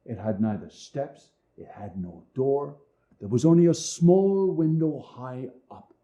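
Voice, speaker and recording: A man performing a fairy tale aloud, varying his loudness and pace for drama. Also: mid-range voice, unhurried, dull audio. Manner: expressive, swinging loudness and pace for effect. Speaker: storyteller.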